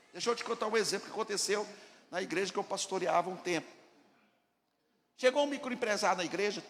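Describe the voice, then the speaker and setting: A man's voice: high-pitched, a little hiss or hum. A Brazilian man, a pastor preaching a sermon, emphatic, asking the congregation questions and acting out dialogues. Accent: Brazilian Portuguese. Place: church hall. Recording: echoey church hall, faint ambience.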